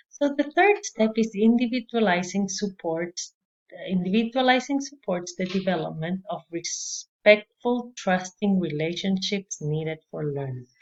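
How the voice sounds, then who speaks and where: A woman explains classroom practice in a relaxed, chatty way. Her voice sits a little low, and she fills pauses with "you know" and light laughs. The recording is muffled and lo-fi. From Chile. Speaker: early childhood education instructor.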